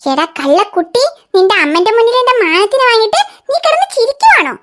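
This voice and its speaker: A woman's voice: very high-pitched, big pitch swings, fast talker, heavy background noise. A woman voicing a fussy, proud old grandmother in a cartoon, coaxing a grandchild and then scolding and pitying herself. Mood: self-pitying. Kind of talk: cartoon voice acting.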